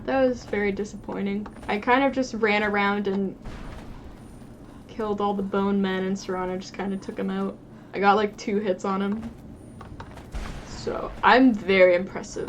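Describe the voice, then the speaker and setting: A young woman streamer chats casually over her gameplay, mid-pitched and swearing freely. Her audio has a clear layer of background noise. She talks back to the characters on screen.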